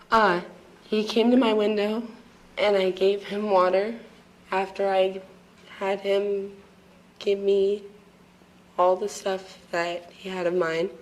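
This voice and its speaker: A woman testifying as a witness in a courtroom, hesitant and apologetic, speaking haltingly with many pauses and a voice she says is fading. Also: mid-range voice, flat delivery, poor audio. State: losing her voice.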